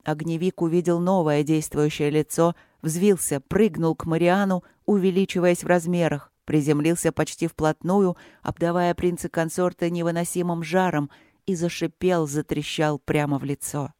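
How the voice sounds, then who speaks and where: An audiobook narrator reading a fantasy story in a measured storytelling way. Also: medium pitch, fairly even intonation, warm tone, clean tone, dry recording, clean studio sound. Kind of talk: scripted narration.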